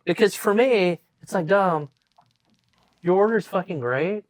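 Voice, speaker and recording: A man's voice: sits high, a little slow, no room sound. A man hosting a podcast, telling stories in casual chat, swearing often and talking with energy. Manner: profane, storytelling, animated. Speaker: podcast host.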